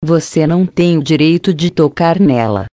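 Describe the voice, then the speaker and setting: A woman reading an audiobook, voicing a brave, kind young woman who speaks firmly and calmly. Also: sits low, normal speed, dry recording. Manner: firm, calm.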